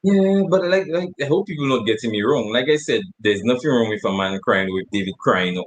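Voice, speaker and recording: A man's voice: medium pitch, animated, a little fast, poor audio. A man co-hosting a casual chat show, rambling and laughing often as he talks. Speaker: co-host.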